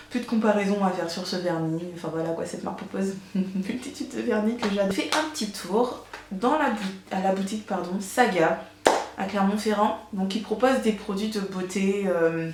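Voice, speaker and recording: A woman's voice: mid-range voice, darkish tone, slight background noise. Chatty woman in an echoey room. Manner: chatty, enthusiastic, many fillers. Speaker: beauty vlogger. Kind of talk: casual haul video.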